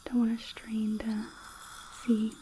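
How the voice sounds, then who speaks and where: A woman whispering softly in an ASMR roleplay as a dental hygienist, slow and reassuring, often checking in with a gentle "okay?", close to the mic. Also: fairly high pitch, monotone, slight background noise, rough recording. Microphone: close sensitive mic.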